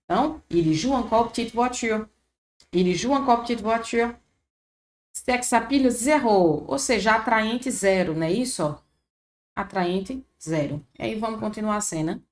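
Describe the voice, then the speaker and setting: A woman's voice: a little high, measured pace. A woman with a Brazilian Portuguese accent who teaches French, patiently explaining and repeating each word. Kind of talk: casual video lesson.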